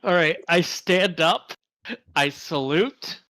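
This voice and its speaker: High-voiced man playing in a tabletop game. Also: takes it slowly, sharp tone. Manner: chatty, laughs at his own bluffing. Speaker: player. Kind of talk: casual tabletop role-play talk.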